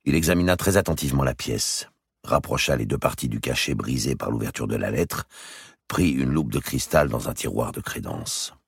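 A man reading a historical novel aloud in a very deep voice with a lively, shifting melody. His tone is husky and gravelly, and the close recording has no room echo. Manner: measured storytelling. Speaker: audiobook narrator. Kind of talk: scripted narration of a historical novel.

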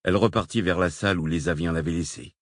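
A man narrating an audiobook in a steady, measured storytelling voice. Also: low-pitched, dry recording, clean studio sound. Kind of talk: scripted narration.

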